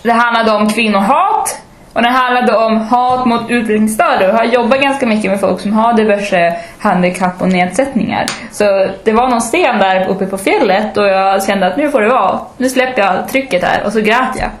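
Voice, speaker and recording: A woman's voice: on the high side, roomy sound. A woman from Sweden, telling stories in a casual chat and mimicking people she meets. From northern Sweden. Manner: lively storytelling, mimics people.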